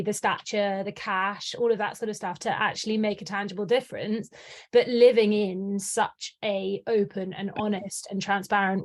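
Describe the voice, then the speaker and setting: A woman working in communications, talking enthusiastically as an interview guest, with many "you know"s. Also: mid-range voice. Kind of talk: podcast interview.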